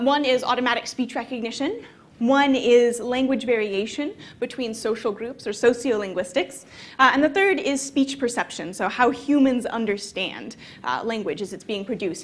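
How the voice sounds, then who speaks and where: A woman's voice: on the high side, a bit bright. A young woman from the American South giving a conversational conference talk with frequent fillers. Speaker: conference speaker. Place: conference hall.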